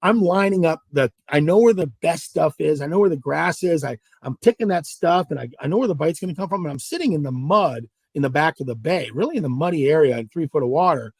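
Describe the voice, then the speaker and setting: A man from Southern California, a guest angler, telling a fishing story in an animated way, with many restarts and asides. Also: on the high side, quick pace, few pauses, breathy edge, dry recording, clean studio sound.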